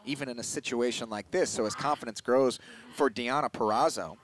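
A man's voice: medium pitch, brisk. A man doing live play-by-play wrestling commentary. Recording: clear background noise.

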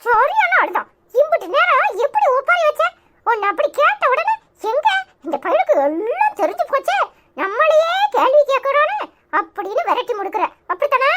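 In a very noisy cartoon clip, a woman voices a sarcastic young grandson with a Tirunelveli Tamil accent. Her very high, sing-song voice moves at normal speed as she nags and fires off mocking questions.

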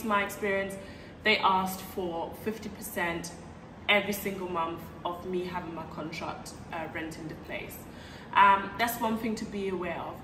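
A young woman from Ghana giving casual advice in a vlog, chatty, with frequent "um" fillers, filmed on a sofa in a bright living room by a camera set back from her. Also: mid-range voice. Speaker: vlogger. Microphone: fixed camera at a distance. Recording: roomy, distant mic with background hiss.

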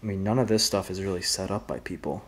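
Laid-back young man vlogging, low voice. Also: fast. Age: young adult. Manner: relaxed, chatty, with a lot of "like" and "I mean". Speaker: urban explorer vlogger host. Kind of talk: casual exploration vlog narration. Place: large empty abandoned diner indoors. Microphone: camera held at arm's length.

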